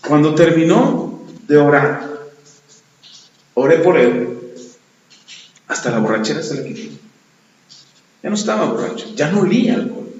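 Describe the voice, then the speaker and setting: A pastor preaching a sermon, retelling a story and acting out both sides of the dialogue. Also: male voice, on the high side, animated, measured pace, long pauses, a little mellow. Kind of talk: sermon with retold anecdote. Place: church. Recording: echoey church hall, dull lo-fi sound.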